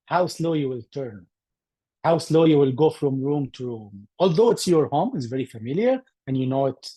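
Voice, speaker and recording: A man's voice: medium pitch, dark tone, slightly rough. A man from Egypt, a guest presenter on a video call, explaining his approach to teaching deafblind children in careful, phrasing. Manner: earnest, explanatory, careful non-native phrasing. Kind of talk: online group discussion.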